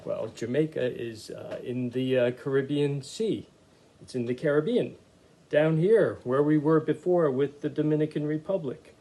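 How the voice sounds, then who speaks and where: A man teaching a recorded art lesson for children, chatty and unhurried, with many "uh" fillers as he explains. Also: a little high, warm tone.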